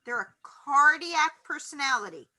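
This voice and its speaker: A woman teaching a college psychology class in a classroom, animated and acting out loud reactions as she explains. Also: high-pitched, a little slow, low-quality recording. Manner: animated, acts out quoted reactions loudly. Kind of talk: classroom lecture.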